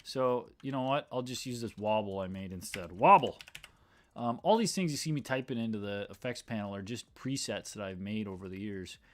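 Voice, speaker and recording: A man's voice: fairly low pitch, expressive, a little fast, hardly any pauses. A man who edits video, chatting casually on a livestream as he works, thinking aloud, trailing off and restarting his sentences. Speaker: video editor. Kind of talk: casual livestream talk while editing.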